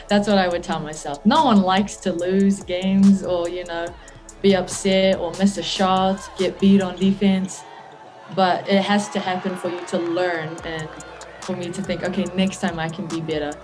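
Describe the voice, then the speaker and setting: Young New Zealand woman, relaxed and thoughtful. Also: on the low side. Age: young adult. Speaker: college basketball player. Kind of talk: interview answers.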